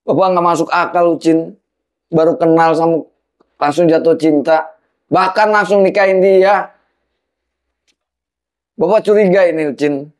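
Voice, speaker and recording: A man's voice: on the high side, fairly even intonation, unhurried, long pauses, a little mellow, close to an everyday voice. A man playing an angry middle-aged father confronting his son-in-law in a film. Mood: furious. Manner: scolding, insistent, confrontational. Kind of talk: low-budget film acting.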